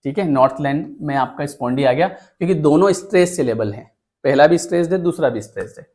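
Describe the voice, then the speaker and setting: A man's voice: on the high side, lively intonation, fast talker, darkish tone. A male teacher with an Indian accent giving an exam-prep lecture, explaining patiently and repeating key points. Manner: mixes English terms into Hindi talk.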